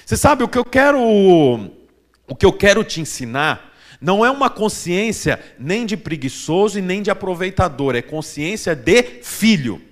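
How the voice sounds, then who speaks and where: A male pastor preaches to a small congregation in a high voice. His delivery swoops up and down as he acts out the people he quotes. Every line sounds like a sermon, spoken with energy. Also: very animated, normal speed. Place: small church hall.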